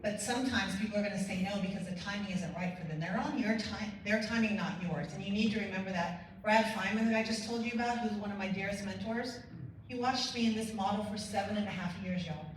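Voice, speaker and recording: A woman delivers an energetic keynote full of stories and quoted conversations. She sounds a little distant from the mic, in a very echoey hall with a faint room hum behind her. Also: medium pitch, fast. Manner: energetic storytelling with quoted dialogue. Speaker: motivational speaker. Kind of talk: conference keynote speech. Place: large conference hall.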